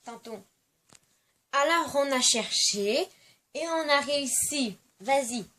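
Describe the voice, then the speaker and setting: Chatty high-voiced woman. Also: animated, slow, bright, forceful tone. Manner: chatty, hesitant, many "euh" fillers. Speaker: vlogger. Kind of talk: casual chat on camera.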